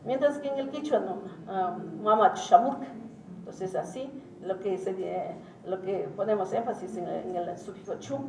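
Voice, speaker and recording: A woman giving an academic lecture as a teacher, talking haltingly with many pauses and hesitations. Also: mid-range voice, creaky. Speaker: symposium speaker and Quichua teacher. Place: conference hall. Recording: roomy hall, distant mic, faint noise.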